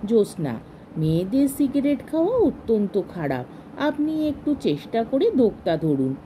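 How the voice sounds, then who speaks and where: A woman's voice: on the high side, sing-song, moderate pace, dark tone, slight background noise, poor audio. A woman reading a story aloud and voicing a strict, haughty woman who lectures on manners in a scolding way.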